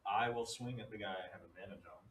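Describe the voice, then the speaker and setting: A man's voice: lowish voice, fast talker, a bit bright. A man playing a tabletop role-playing game, talking casually through his moves. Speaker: player in a tabletop RPG. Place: echoey room. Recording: echoey, distant mic with faint noise.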